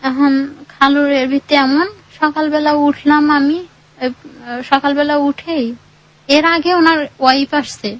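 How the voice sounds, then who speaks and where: A woman's voice: high-pitched, little pitch movement, unhurried, long pauses, dull audio. A woman telling her own life story in rambling, acting out what others said. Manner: rambling, colloquial, acts out others' quoted speech. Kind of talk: casual spoken storytelling.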